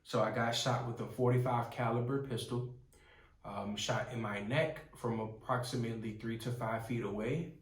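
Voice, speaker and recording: A man's voice: mid-range voice, fairly even intonation, normal speed. A man in his twenties giving an earnest, rambling personal testimony with frequent restarts. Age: 20s. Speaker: testimony speaker. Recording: roomy, from some distance.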